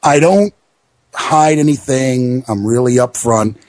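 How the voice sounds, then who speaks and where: A man's voice: mid-range voice, slow pace, a little mellow, no room sound. A man hosting a wrestling radio show with casual live commentary and blunt talk. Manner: blunt, freely swearing.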